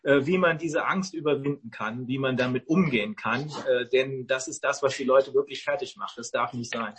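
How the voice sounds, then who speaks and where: A man in casual online talk, rambling and halting with many fillers. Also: mid-range voice, fairly bright tone, slight background noise.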